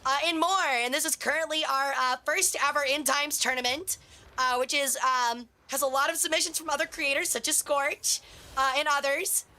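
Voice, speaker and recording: High-pitched, bright, cute woman streamer. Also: fairly even intonation, moderate pace. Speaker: streamer hosting a tournament. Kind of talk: live game commentary and stream chat.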